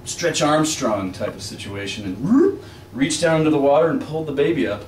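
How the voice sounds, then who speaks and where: A man performing at an apartment experimental music show, telling a meandering story in a deadpan, wry way between improvised pieces. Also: a little high, fairly quick. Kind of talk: rambling spoken monologue between improvised music. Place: small apartment used as a live music venue. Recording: roomy, distant live room recording with faint noise.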